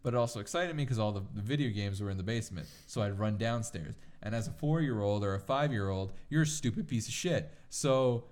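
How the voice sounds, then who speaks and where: A man chatting casually as a podcast co-host, telling rambling, animated stories peppered with swearing. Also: on the low side, quick pace, few pauses. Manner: swears freely. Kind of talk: casual chat and storytelling.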